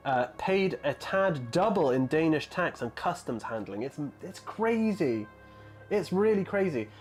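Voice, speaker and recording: A man's voice: fairly high pitch, lively intonation, measured pace, soft background music. A man in his thirties chatting casually on a live stream, rambling with lots of fillers and answering viewers' messages. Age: 30s. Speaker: hobby streamer.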